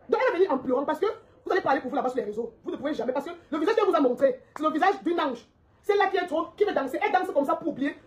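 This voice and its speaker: A woman's voice: high-pitched, darkish tone. A woman delivering a heated, confrontational social media rant, repeating her points and laughing mockingly.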